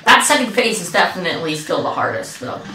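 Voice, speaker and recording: A woman's voice: on the low side, lively intonation, fast, background noise. Chatty woman narrating her gameplay. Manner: chatty, rambling, self-mocking. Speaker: gaming channel host. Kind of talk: gameplay commentary. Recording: echoey room, distant mic, game music. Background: game music.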